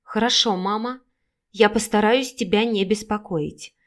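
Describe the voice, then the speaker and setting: Sad teen girl begging her mom, soft and teary, storybook voice, woman reading. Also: medium pitch, fairly even intonation, a little slow, lightly acted. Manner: soft, pleading, tearful. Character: hurt teenage girl, gentle and pleading.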